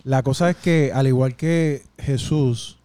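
A man's voice: medium pitch, slow, mellow, clean tone, no echo. A man co-hosting a podcast, explaining in an earnest, somewhat hesitant, patient way in casual chat. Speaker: podcast co-host.

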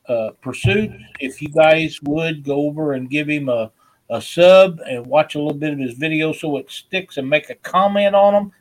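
A man hosting a casual live stream, upbeat and greeting viewers by name. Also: fairly high pitch.

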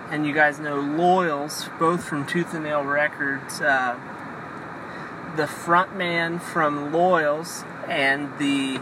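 A man hosting a casual solo podcast from inside his car, rambling hesitantly and searching for words. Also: fairly high pitch. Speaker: podcast host. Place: inside a car, on the drive home. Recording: loud car and road noise. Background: car and road noise.

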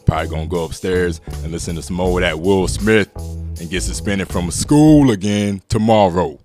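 Deadpan slangy uncle type, male performer, low pitch, comedy skit delivery with faint music underneath. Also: normal speed, lightly acted.

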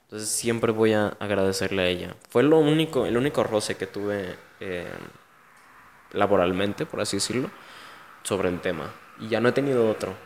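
A man's voice: lowish voice, moderate pace, big-room sound, a little hiss or hum. A young man with a Mexican Spanish accent, a guest in an interview, telling his own story bluntly and emotionally, full of slang.

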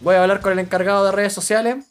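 A man's voice: high-pitched, steady tone, fast, faint music behind. Brief: young Chilean guy hosting a rowdy podcast, crude jokes, trips over his words. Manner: crude, joking, stammering restarts. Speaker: podcast host. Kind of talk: casual podcast banter.

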